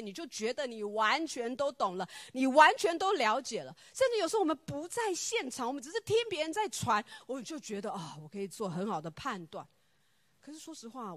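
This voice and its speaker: A woman giving a personal devotional talk, telling stories in an animated way and acting out the dialogue. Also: medium pitch.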